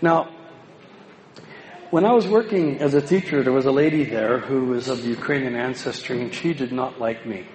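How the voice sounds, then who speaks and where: A Canadian man telling anecdotes at a home education meeting in a folksy, self-deprecating way, with many pauses and ums. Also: mid-range voice, darkish tone. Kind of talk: informal public talk with anecdotes. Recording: roomy hall with faint background noise.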